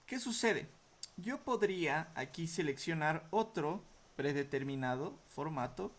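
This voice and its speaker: A man teaching a software tutorial, explaining each step patiently and often checking in with short questions before answering his own. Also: mid-range voice. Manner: asks rhetorical questions then answers them. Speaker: computer skills instructor. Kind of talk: screen-recorded software tutorial.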